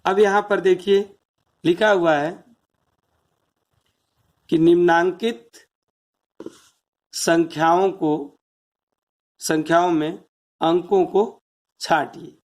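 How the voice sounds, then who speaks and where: Slow, patient teacher explaining math. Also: medium pitch, steady tone, a little mellow. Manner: counts out place values one by one and asks rhetorical questions. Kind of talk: step-by-step classroom explanation.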